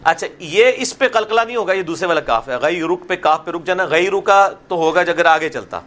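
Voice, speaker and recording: A middle-aged man teaching prayer pronunciation, explaining each sound and then reciting slowly so the listeners can repeat after him. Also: a little high, fairly bright tone, a little hiss or hum. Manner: slips into Punjabi asides. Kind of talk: classroom lesson with slow drawn-out recitation.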